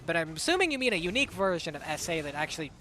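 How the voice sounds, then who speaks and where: A woman streamer giving excitable live play-by-play commentary on a game match, talking through a sore throat. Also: on the low side, slight background noise. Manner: excitable, hyped play-by-play with quick reactions.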